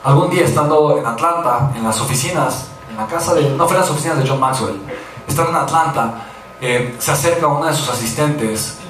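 A Mexican man delivers a motivational talk in an animated storytelling manner, acting out the voices of people he quotes. His voice sits on the higher side. He is picked up from a distance in a very echoey hall with a faint hiss underneath. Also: a little fast. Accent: Mexican Spanish. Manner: animated, acts out quoted voices, frequent tag questions. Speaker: motivational speaker.

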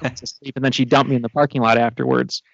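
A man co-hosting a casual podcast, self-deprecating and halting as he tells a story, on a video call. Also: medium pitch, steady tone, dry recording, dull audio. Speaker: podcast co-host. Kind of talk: casual anecdote.

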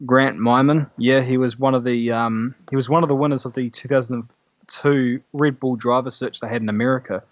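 A man's voice: medium pitch, steady tone, fairly quick, no echo, lo-fi sound. Chill guy on a podcast, offhand and slangy, laughs a lot. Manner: laid-back, offhand, slangy remarks with frequent laughs. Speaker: podcast guest. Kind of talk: casual chat.

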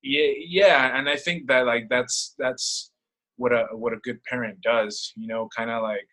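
A young Salvadoran man speaks casually about personal matters in conversation, groping for words and repeating himself along the way. His mid-range voice holds a steady tone with a sharp edge, and he keeps a measured pace.

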